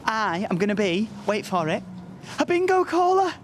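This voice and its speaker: Showy, high-pitched northern English bingo caller. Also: male voice, very animated, moderate pace, slight background noise. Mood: showy, excited. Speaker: factory worker starting as a bingo caller. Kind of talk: TV soap dialogue with mock bingo caller announcing.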